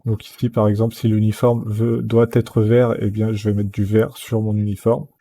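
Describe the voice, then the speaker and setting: A man hosting a screen-recorded software tutorial, talking in a relaxed way with many fillers. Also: on the low side, moderate pace, vocal fry.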